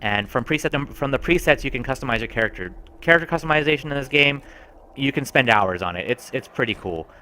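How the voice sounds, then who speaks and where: Guy reviewing a game, chatty and keen, bit of a tense bright edge to his voice. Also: mid-range voice, expressive, fast, slight background noise. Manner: chatty and enthusiastic. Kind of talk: casual gameplay commentary.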